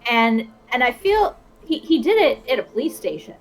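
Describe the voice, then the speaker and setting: A woman's voice: on the high side, sing-song, normal speed. A woman chatting casually while co-voicing a video game on a stream.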